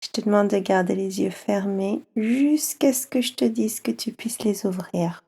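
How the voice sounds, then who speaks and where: In a soft, soothing tone with long silences between phrases, a woman with a French accent walks children through a slow yoga nidra session. Her mid-range voice is creaky and a little rough.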